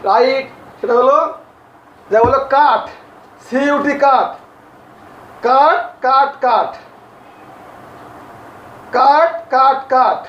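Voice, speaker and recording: A male English teacher, teaching grammar to a class slowly, repeating and spelling out each word. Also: very high-pitched, a bit bright. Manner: slow, repeats and spells out words. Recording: echoey, distant, dull lo-fi audio.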